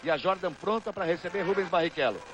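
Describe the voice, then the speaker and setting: A man's voice: sits high, fast. A man with a Brazilian accent working as a motorsport commentator, calling a race live. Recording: dull lo-fi broadcast, loud engine noise. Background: loud racing cars and trackside noise.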